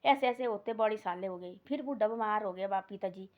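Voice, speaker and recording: A woman retells a moral village tale in a loose, folksy way, circling back and restarting often. Her voice sits at an ordinary middle pitch. The recording sounds dull and lo-fi. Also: a little fast. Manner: rambling, repetitive, folksy retelling with many restarts. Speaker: storyteller. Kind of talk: casual moral storytelling.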